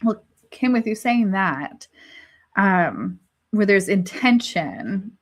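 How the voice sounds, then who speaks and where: The host of a live panel, a woman five months into her pregnancy, speaks slowly in a medium-pitched voice with lively intonation. She reflects as she goes, often starting sentences over while searching for words.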